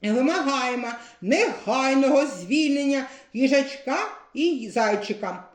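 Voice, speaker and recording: A woman's voice: high voice, animated, unhurried, echoey room, voice pushed up. A woman voicing an old Grandfather Frost who leads a protest, declaiming as if at a rally.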